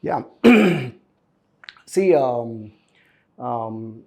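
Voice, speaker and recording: A man's voice: mid-range voice, very animated, extremely slow. A middle-aged man with a South Indian accent explains things conversationally as an interview guest, repeating words for emphasis and often checking in with "right?". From Bangalore region, India. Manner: emphatic repetition, tags statements with "right?". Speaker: interview guest, startup founder.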